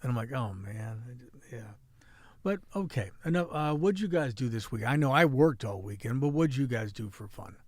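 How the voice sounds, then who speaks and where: A man's voice: mid-range voice, lively intonation, a little fast, hardly any pauses, no echo. A middle-aged man with a Midwestern American accent, hosting a podcast with joking, rambling casual chat and a local news rundown. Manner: joking, chatty, rambling with restarts. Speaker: podcast host and city editor.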